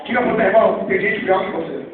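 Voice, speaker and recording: High-voiced preaching man, echoey hall. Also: fast, phone-quality sound, a crowd in the background. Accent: Rio de Janeiro Portuguese. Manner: swings from hushed asides to shouted exclamations. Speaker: pastor. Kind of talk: Pentecostal sermon. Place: church hall. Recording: echoey, far-off hall recording with faint noise.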